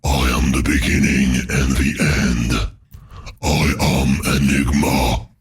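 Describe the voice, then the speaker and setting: A man voicing a cold, distant male cosmic entity. His voice is run through a deep pitch shift with a flanger and reverb, and he speaks in slow, grandiose pronouncements. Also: level tone, gravelly, background noise, exaggerated voice. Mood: ominous. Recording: heavy reverb, music underneath.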